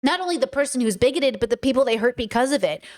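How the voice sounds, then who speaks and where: Speaking fast with lively intonation, a high-voiced Californian woman hosts a commentary video and addresses her viewers emphatically. It's an opinionated monologue, and she tends to repeat words as she thinks.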